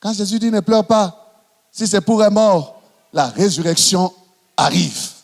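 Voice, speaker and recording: A man preaching a sermon as pastor, swinging between impassioned shouting and hushed passages. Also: sits high, animated, unhurried, creaky, in a large hall.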